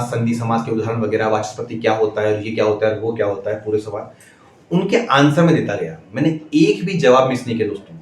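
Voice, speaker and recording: A male schoolteacher telling viewers a story in a measured, deliberate way, with steady pauses, addressing them as friends. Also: mid-range voice, echoey room, slight background noise. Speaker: schoolteacher and channel host.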